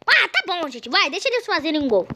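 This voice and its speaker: A young girl commentating her football video game, excitable and shrieking at goals, constantly addressing viewers. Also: very high-pitched, fast talker, slight background noise. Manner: excitable, shrieks at goals, keeps saying "gente". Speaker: gameplay commentator.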